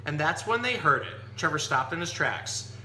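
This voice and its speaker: In an echoey room with background noise and hum, a zookeeper gives children an informal animal lesson and reads a picture book aloud. His voice sits on the high side, pushed and bright, with big pitch swings at a moderate pace.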